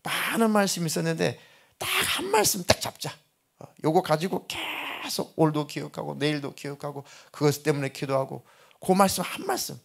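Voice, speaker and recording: Korean pastor preaching, repeating for emphasis. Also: male voice, on the high side, big pitch swings, a little fast, vocal fry. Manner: conversational preaching, repeating key phrases for emphasis; drops to a soft, quiet voice at moving points. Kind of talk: sermon. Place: church sanctuary.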